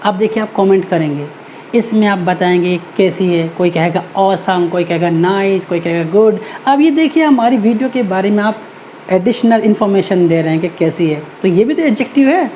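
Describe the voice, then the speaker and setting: A woman teaching grammar in a video lesson, patiently repeating each rule, asking questions and then answering them herself, and drawing out her example words slowly. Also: mid-range voice, lively intonation, warm tone, slight background noise.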